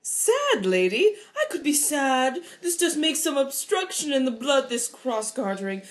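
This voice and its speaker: A woman voicing a pompous, self-deluded male steward in an amateur play reading, with grand, drawn-out emphasis. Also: high voice, sing-song. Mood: smug.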